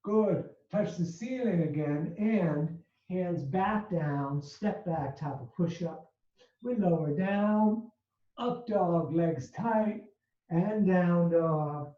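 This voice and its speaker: In a live session, a yoga instructor calls out each pose and breathing cue in turn and is a little out of breath from talking through it. Medium pitch, slow pace, and a dull, roomy sound recorded from far away.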